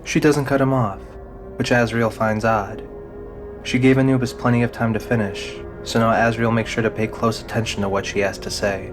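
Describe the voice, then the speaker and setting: A lower-pitched male narrator reads prose for a scripted audio drama at a moderate pace and steady tone, with a prominent music bed beneath him.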